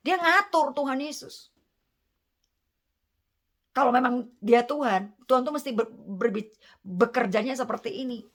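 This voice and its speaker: A middle-aged woman preaching an earnest sermon in a fairly high voice. She speaks straight to her listeners and slips in English words now and then.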